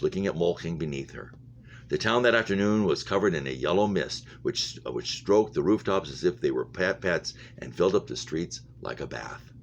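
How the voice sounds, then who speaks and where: In a muffled, lo-fi recording with a steady hum in the background, a man with a low, deep voice reads a novel aloud. The reader, an English teacher, trips over words at times and repeats phrases to get them right.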